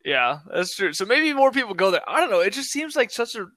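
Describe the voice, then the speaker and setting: A young man chatting as a podcast guest, easygoing and quick to laugh. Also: sits high, big pitch swings, sharp tone, no echo. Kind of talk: casual chat.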